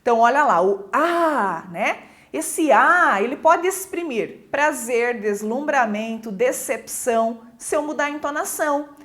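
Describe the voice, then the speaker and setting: A woman's voice: high voice, expressive, measured pace, fairly bright tone. A woman teacher giving a recorded grammar lesson. She explains step by step, keeps checking in with her listeners, and acts out example interjections with shifting intonation.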